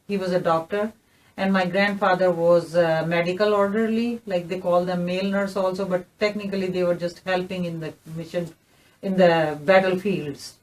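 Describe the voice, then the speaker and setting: A woman's voice: on the low side, fairly even intonation, moderate pace, a little mellow. A woman in her fifties with a Pakistani accent, telling her story earnestly as an interview guest. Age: 50s. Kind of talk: recorded interview testimony. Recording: voice somewhat distant from the mic.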